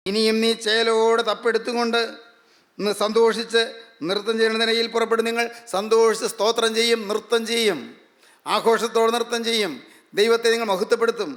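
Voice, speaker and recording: A man's voice: extremely high pitch, flat delivery, brisk, fairly bright tone. A man preaching a sermon, emphatic and repeating his phrases.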